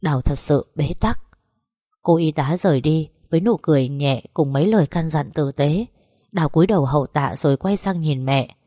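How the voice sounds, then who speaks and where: A woman narrating a story at a steady, even reading pace. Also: deep voice, normal speed, no echo, studio quality. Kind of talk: audiobook narration.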